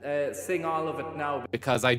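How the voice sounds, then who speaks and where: A man's voice: a little high, moderate pace, fairly bright tone, faint music behind. A man hosting a livestream through a cave echo voice effect, thanking tippers and crooning a silly song. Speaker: livestream host. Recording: cavernous echo with long reverb.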